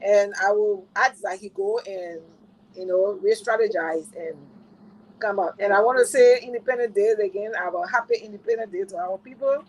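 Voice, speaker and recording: A woman's voice: mid-range voice, normal speed, low-quality recording. A woman with a Liberian accent speaking earnestly as a political analyst on a panel, repeating herself and asking rhetorical questions. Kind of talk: panel discussion.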